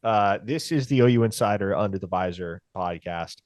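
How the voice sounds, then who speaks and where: Fairly low-pitched and darkish in tone, this male sports podcast co-host talks at normal speed in a recording with no room sound. He's dry, wry and articulate, moving between casual chat and host-read ads.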